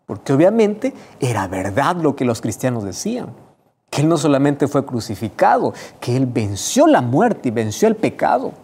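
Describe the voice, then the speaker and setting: Husky, animated man preaching. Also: medium pitch, normal speed. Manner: emphatic, addresses the listener directly. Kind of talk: sermon.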